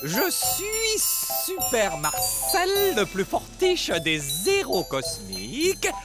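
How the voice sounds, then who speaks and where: A man's voice: huge pitch swings, very slow, loud music behind the voice, exaggerated voice. An actor playing a vain, lovestruck male alien emperor who speaks with an odd "z" lisping accent and boasts theatrically. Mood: pompous. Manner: boastful, theatrical, swooping pitch. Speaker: villain in a children's cartoon.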